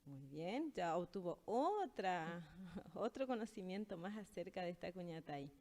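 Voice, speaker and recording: A woman's voice: lowish voice, sing-song, dark tone. Woman explaining a language lesson. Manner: explains patiently, slows down to read example phrases. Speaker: language teacher.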